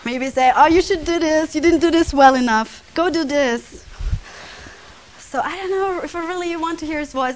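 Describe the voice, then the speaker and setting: A woman preaching a sermon in a conversational way, sometimes dropping to a soft, hushed voice. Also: high voice, a little hiss or hum, low-quality recording. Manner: conversational, drops to near whisper on quiet lines.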